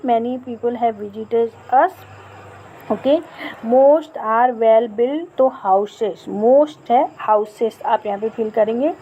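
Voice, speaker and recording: A woman teacher explaining grammar in a recorded lesson, often checking in with "okay" and reading example sentences slowly. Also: fairly high pitch, warm tone, slight background noise. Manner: checks in with frequent "okay" and "theek hai".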